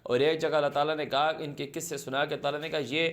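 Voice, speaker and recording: A man's voice: fairly high pitch, flat delivery, a little hiss or hum. Man teaching scripture word by word. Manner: recites verses slowly, then translates and repeats each phrase; asks the class questions and answers them himself. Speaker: Quran teacher. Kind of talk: word-by-word scripture translation lesson.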